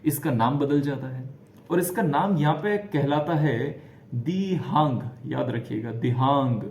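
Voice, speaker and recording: A man teaching a geography lesson over a diagram, lively and repeating key names for students to remember, slipping English phrases into his talk. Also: fairly high pitch, reverberant, slight background noise.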